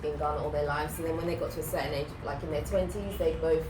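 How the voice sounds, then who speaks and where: A woman's voice: low-pitched, fairly even intonation, fast talker, music in the background. A woman in her thirties with a British accent, chatting candidly as an interview guest and acting out what others said. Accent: British English. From United Kingdom. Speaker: guest, YouTuber. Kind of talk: casual interview chat. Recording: roomy with clear background noise.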